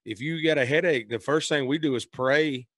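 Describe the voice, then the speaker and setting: A man's voice: a little high, normal speed, fairly bright tone, no echo, studio quality. A man, a singer guest talking earnestly in a casual conversation and often restarting his sentences. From Memphis, Tennessee, raised in Arkansas.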